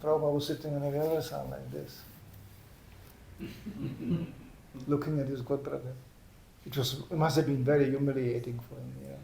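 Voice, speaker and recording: An older man preaching in a lively storytelling manner, often adding "you know". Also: fairly high pitch, creaky. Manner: lively anecdotal telling with "you know" asides. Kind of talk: storytelling sermon. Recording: echoey room, faint background noise.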